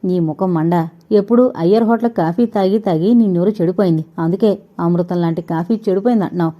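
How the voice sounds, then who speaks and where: A woman's voice: lowish voice, a little fast, highs cut off, lightly acted. A woman voicing a protective young man who scolds his friend in a storybook reading. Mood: scolding. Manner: scolding, blustering.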